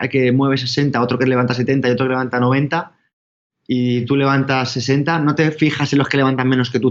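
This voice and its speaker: Man, casual interview guest, restless self-correcting talk, mid-pitched, mildly muffled audio. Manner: rambling, self-correcting, animated storytelling.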